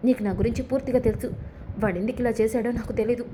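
A woman's voice: fairly high pitch, fairly even intonation, racing, mellow, a little hiss or hum, natural voice. A woman narrator speaking the lines of a worried young wife who pleads anxiously and defends herself.

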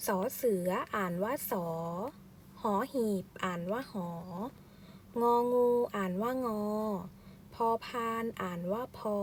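A female primary teacher reads aloud one syllable at a time at an extremely slow, deliberate pace. She spells out sounds for young learners in a plain, mid-pitched voice. Faint noise hums behind her. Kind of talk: slow word-by-word reading lesson for first graders.

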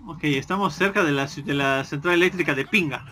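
A man's voice: a little high, fairly quick, pushed and bright, a little hiss or hum. A man doing casual, joking gameplay commentary and swearing constantly.

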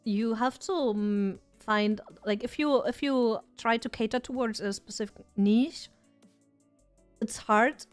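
Her voice on its way out, a woman streamer chats casually and rambles, staying self-deprecating and talkative. She speaks slowly in a fairly high voice, with soft music in the background.

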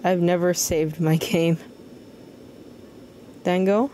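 Scared woman streaming horror games, slower pace. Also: lowish voice, fairly even intonation, mellow, slight background noise. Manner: scared, nervous asides to chat. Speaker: live game streamer. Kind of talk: live horror game playthrough, reading dialogue aloud.

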